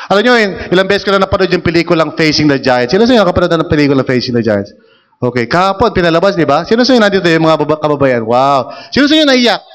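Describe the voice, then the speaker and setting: High-voiced man preaching in an echoing hall. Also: sing-song, rapid-fire. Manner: conversational, teasing and questioning the congregation. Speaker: pastor. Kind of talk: sermon. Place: church hall. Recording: long hall reverb.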